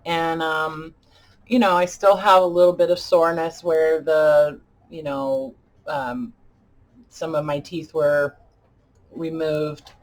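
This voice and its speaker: A woman chatting casually as a craft video host, halting and deliberate, her speech slightly impeded by dentures as if her mouth were full of peanut butter. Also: sits low, flat delivery. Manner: halting, deliberate, pausing often. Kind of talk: casual chat tutorial.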